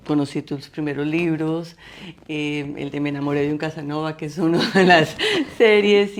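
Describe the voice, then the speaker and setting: A middle-aged woman from Colombia, a guest artist telling her story in an interview, talking haltingly with many restarts and fillers. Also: deep voice, a little hiss or hum. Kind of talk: interview conversation.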